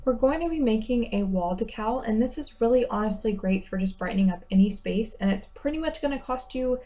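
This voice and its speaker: A woman's voice: on the high side, animated, a little fast, warm tone. A young woman giving a casual, upbeat craft tutorial voice-over, chatty with self-deprecating asides. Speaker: DIY vlogger.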